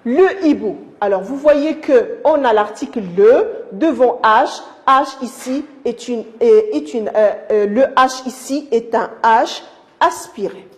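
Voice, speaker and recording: A woman teaching a lesson to young pupils, patient and repeating herself, speaking to them affectionately. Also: a little high. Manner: slow, patient, repeats and restarts words. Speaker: primary school teacher. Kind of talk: recorded lesson explaining to young children.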